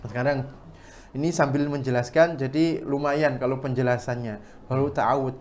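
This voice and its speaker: A man teaching Quran recitation in a class, demonstrating each sound slowly and correcting mistakes firmly. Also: mid-range voice, steady tone, a little mellow.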